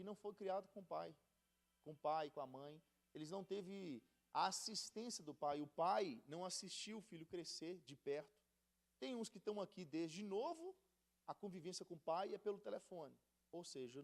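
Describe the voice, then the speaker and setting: A Brazilian man preaching in a loose, conversational way, dropping slang as he teaches a Bible study. His voice sits high for a man and swings widely up and down with animated emphasis. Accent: Brazilian Portuguese. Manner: slangy and conversational, animated, calls listeners buddy. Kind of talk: casual Bible study sermon.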